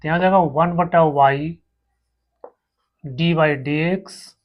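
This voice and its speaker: A man's voice: a little high, fairly even intonation, slow pace, highs cut off. A man teaching a maths lesson, walking his students through each step and repeating terms as he writes. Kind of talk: slow blackboard maths lesson.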